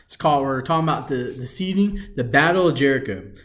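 A man's voice: mid-range voice, fairly bright tone. Earnest man teaching a kids' Bible lesson. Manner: earnest, halting, with fillers and restarts; repeats "Lord" through his prayer. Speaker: children's ministry teacher. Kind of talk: Bible story lesson and prayer.

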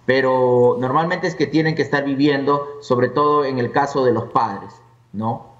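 A man's voice: mid-range voice, moderate pace. A man in a mid-range voice explains things step by step as an interview guest. He sounds set back from the mic in a roomy space. The recording is muffled and dull. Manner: explanatory, lays out points one by one. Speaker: immigration lawyer, interview guest. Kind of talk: conversational interview. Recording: distant, echoey and dull.

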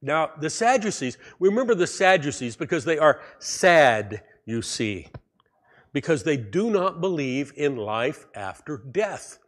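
A man preaching a sermon, telling a story in a lively way and speaking directly to his congregation. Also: on the high side, a little slow. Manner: animated storytelling, addresses the congregation. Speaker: pastor.

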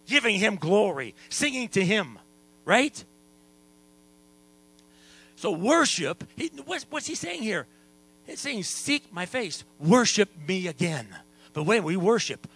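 Man, pastor, revival sermon, bright high voice, church, mains hum. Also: breathy edge, poor audio. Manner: preaching, swings from soft talk to shouting. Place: church sanctuary.

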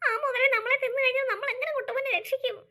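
A woman's voice: very high voice, fairly even intonation, very fast, sharp tone. A woman voicing a young mother in a cartoon, urgent and scolding. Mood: frantic. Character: caring young mother of the family. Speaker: cartoon character.

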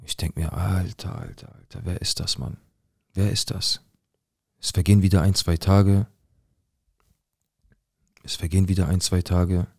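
A young man acting out a rough-talking, paranoid drug dealer who tells his own story in a dramatic monologue full of slang and swearing. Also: sits low, flat delivery, moderate pace, pauses often, mellow, dry recording, clean studio sound. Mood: tense. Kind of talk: dramatic first-person monologue.

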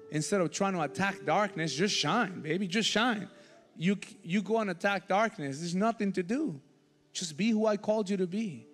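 A man preaching a sermon as pastor, passionate, swinging between loud bursts and hushed lines. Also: high voice. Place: church sanctuary. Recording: church hall reverb with soft music behind.

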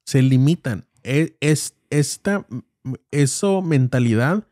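A Mexican Spanish–accented man in his thirties argues his point insistently during a heated casual podcast debate, leaning heavily on slang as co-host. His mid-range voice is dark and lively in intonation, though he speaks slowly. Recorded on a boom-arm studio mic with headphones in a small foam-paneled studio, the audio is clean with no echo.

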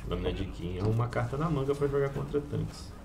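A man's voice: mid-range voice, animated, fast talker, gravelly. Young brazilian guy streaming a game, slangy and teasing, casual chat, pretty noisy background. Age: young adult. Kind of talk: casual chat over gameplay.

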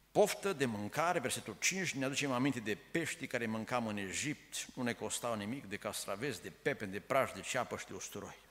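A man's voice: mid-range voice, fairly bright tone. A man preaching a sermon in a church, emphatic and full of rhetorical questions. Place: church sanctuary. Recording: echoey church hall.

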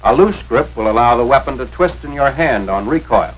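An American man with a medium-pitched, husky voice narrates a scripted 1940s instructional film, brisk and animated. He sounds authoritative and enunciates carefully, as if teaching step by step. The noisy, radio-like soundtrack is typical of 1940s film.

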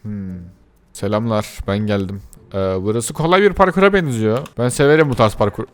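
A young man giving casual commentary on a game he plays, excitable and often breaking into shrieking outbursts. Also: lowish voice, normal speed. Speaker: gaming YouTuber. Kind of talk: casual Let's Play commentary.

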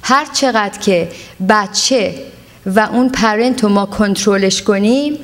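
A woman speaking at a parenting seminar, giving earnest advice and slipping English words into her talk. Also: mid-range voice. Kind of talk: seminar lecture. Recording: long hall reverb.

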